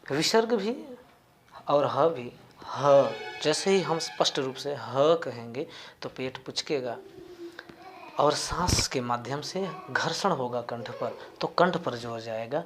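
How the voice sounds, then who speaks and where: A man teaching a grammar lesson, explaining slowly and deliberately and spelling out individual sounds one by one. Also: mid-range voice, background noise. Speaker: Sanskrit teacher.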